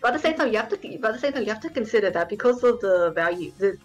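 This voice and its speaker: A woman's voice: a little high, animated, very fast, faint music behind, poor audio. A woman co-hosting a casual podcast, telling stories eagerly and gushing. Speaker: podcast co-host. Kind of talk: casual chat.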